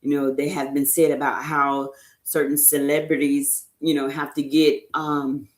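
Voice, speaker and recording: Speaking in a low, level voice at a measured pace, a woman gives an informal faith talk as an inspirational speaker. Her delivery is conversational and emphatic, sprinkled with frequent "you know" asides, and the recording has a roomy echo.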